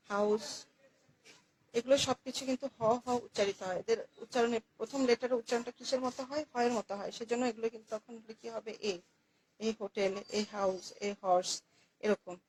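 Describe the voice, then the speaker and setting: A woman's voice: a little high, fairly even intonation, a little fast, pauses often, darkish tone, slight background noise, rough recording. Patient woman teaching grammar. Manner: patient, repeats key words, asks and answers her own questions. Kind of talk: classroom lesson explaining articles.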